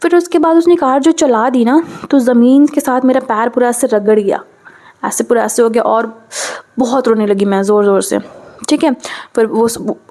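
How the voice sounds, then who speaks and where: High-voiced chatty young woman storyteller. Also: normal speed. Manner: chatty, mixes in English phrases, keeps saying "okay"; animated, with sudden pitch jumps. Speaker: storytime vlogger. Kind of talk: casual storytelling.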